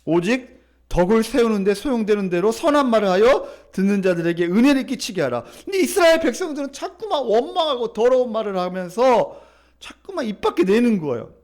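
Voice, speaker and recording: A man with a high voice delivers a church sermon, pressing his points again and again with emphatic repetition. He pauses to lead the congregation in reading aloud, in a preacher's rhythm. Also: big pitch swings, a little mellow. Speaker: pastor. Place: church sanctuary.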